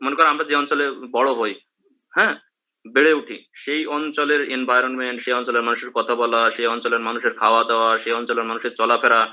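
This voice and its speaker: A man's voice: medium pitch, level tone, fast talker, bright, forceful tone, lo-fi sound. A man from Bangladesh, a teacher giving a class lecture and checking in with his students through questions.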